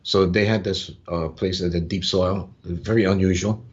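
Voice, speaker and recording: As a podcast guest, an older Hawaiian farmer and business owner spins relaxed, conversational stories without hurry, pausing on "uh" and ending lines with "yeah?" His voice is low with fairly even intonation, and the lo-fi audio sounds dull.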